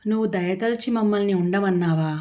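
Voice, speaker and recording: A woman voicing a sharp-tongued, sarcastic older mother-in-law in a storybook reading. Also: mid-range voice, fairly quick, natural voice. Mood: scornful. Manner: sarcastic, scolding. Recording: dull lo-fi audio.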